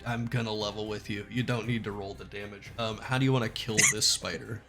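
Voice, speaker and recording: A man's voice: lowish voice, fairly even intonation, fairly quick, heavy background noise. A man acting as game master, talking casually and slangily, joking as he explains rules and narrates play. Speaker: game master of a tabletop role-playing game. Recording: music playing behind the voice. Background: music.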